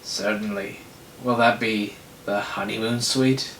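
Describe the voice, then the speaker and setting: A smug hotel receptionist drawls slowly with a slight Irish twang, as a man reads him out. His low voice echoes in a roomy space over a faint rumble. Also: fairly even intonation, a bit bright, far from the mic. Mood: sly.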